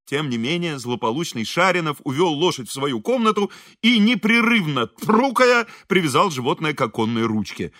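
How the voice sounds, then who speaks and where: A man narrating an audiobook in a lively, expressive way. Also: fairly high pitch, brisk, hardly any pauses, no echo, clean studio sound. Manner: lively, expressive, voices characters. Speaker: audiobook reader.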